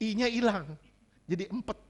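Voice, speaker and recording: A man preaching a sermon as pastor, joking and animated. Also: sits high, normal speed.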